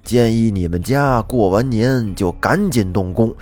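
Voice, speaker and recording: Man doing middle-aged taoist feng shui master, solemn, slow drawn-out words, husky, low. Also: darkish tone.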